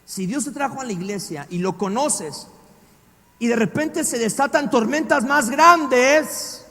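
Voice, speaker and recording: Man, Mexican accent, pastor, dramatic sermon, quiet then shouting, long church reverb. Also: extremely high pitch, unhurried. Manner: dramatic, swings from quiet to shouting, rhetorical questions.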